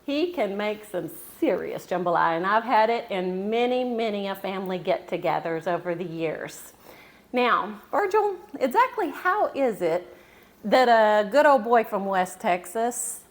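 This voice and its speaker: A woman's voice: mid-range voice, sing-song, a little slow. A woman hosting in a folksy, casual chat style as she introduces a cook.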